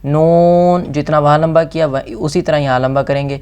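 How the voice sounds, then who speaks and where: A man with a Pakistani Urdu accent teaching Quran reading, slowly stretching out letter names and then explaining patiently. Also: on the high side, steady tone, darkish tone, clear, resonant tone. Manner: patient, instructive, insists on slow careful pronunciation. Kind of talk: slow, drawn-out letter recitation alternating with fast spoken explanation.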